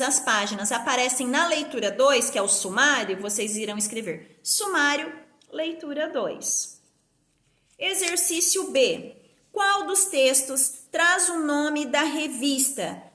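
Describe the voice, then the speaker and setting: A woman teaching a recorded lesson to young pupils, explaining clearly and stressing syllables aloud. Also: high voice, pushed and bright. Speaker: schoolteacher. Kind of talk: remote class lesson. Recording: echoey room.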